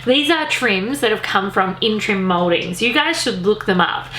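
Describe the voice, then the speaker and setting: An Australian woman hosting a home renovation vlog, speaking to camera in a gushing, effusive makeover-reveal manner with emphatic, drawn-out words. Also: medium pitch, expressive, a bit bright. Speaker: host of a home renovation show. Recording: echoey room with faint background noise.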